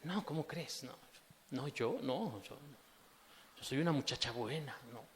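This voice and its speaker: A man's voice: medium pitch, expressive, unhurried, a little hiss or hum, voice pushed down, lightly acted. A preacher mocking a smug young woman. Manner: mocking, dismissive. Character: smug young woman sure she is above sin. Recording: reverberant church hall.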